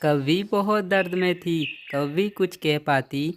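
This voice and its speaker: A woman narrating a children's cartoon story in a plain, steady way. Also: fairly low pitch, unhurried, slight background noise.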